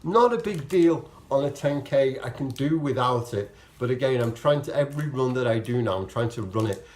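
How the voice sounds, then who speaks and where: A man's voice: medium pitch, lively intonation, normal speed, darkish tone. A man talking casually to camera as an amateur running vlogger, explaining things in a rambling way, correcting himself and voicing his own thoughts as quotes. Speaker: vlogger, amateur marathon runner. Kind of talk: casual, chatty vlog to camera.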